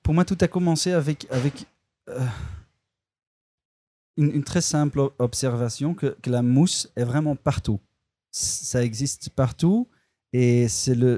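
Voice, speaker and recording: In a dry recording, a filmmaker with a mellow, medium-pitched voice hesitantly answers interview questions, restarting and groping for words. He is speaking a language that is not his first, and his first language is not French.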